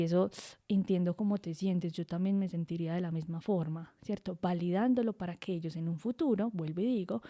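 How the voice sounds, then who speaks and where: Mellow-voiced woman. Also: lowish voice. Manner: conversational, checks in with "¿cierto?". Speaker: podcast host, psychologist. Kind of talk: informal talk on parenting.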